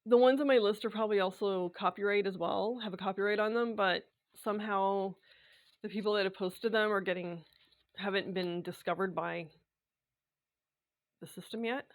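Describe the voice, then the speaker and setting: A woman's voice: mid-range voice, fairly even intonation. Chatty woman, voice a little worn. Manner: chatty and rambling, with many fillers and quick laughs. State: slightly losing her voice from dry air. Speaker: sewing and knitting vlogger. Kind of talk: casual chat to camera.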